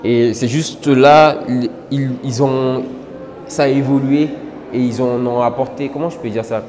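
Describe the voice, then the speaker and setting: A man's voice: mid-range voice, steady tone, unhurried, darkish tone, big-room sound. A man from French Guiana in a casual interview, earnest, with many filler words and restarts. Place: indoor exhibition gallery.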